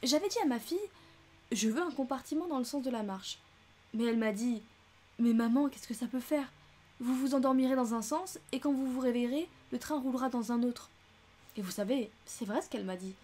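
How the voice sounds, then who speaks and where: A woman's voice: fairly quick, dark tone, close to an everyday voice. Woman voicing a fussy older American lady. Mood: chattering. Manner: shrill, breathless and tearful complaining. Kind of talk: audiobook character reading.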